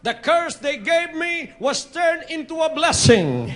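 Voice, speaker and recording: A male pastor with a Filipino accent preaching a fervent sermon, moving between hushed asides and shouted exclamations. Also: very high-pitched, big pitch swings, takes it slowly, slight background noise. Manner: switches between Tagalog and English.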